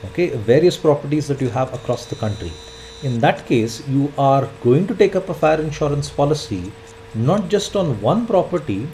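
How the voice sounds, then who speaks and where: Twenties male instructor, mellow voice, repeats himself, faint background noise. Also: medium pitch, low-quality recording. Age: 20s. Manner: filler-heavy, repeats points, says "in fact" often. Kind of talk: explanatory e-learning lecture.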